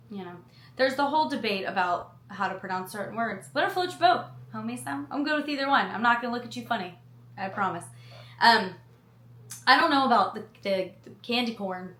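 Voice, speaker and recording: Bright-voiced chatty woman vlogger. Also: a little high, roomy sound. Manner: chatty, reads menu items aloud with personal asides. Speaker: food vlogger. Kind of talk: casual chat reading a menu.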